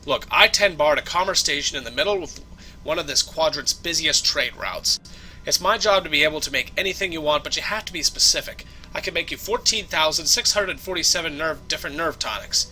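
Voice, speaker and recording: A man's voice: a little high, brisk, sharp tone, a little hiss or hum. A man voicing a world-weary male bartender at a busy space trade station, speaking dryly and patiently. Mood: lecturing. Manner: dry, patient, lecturing.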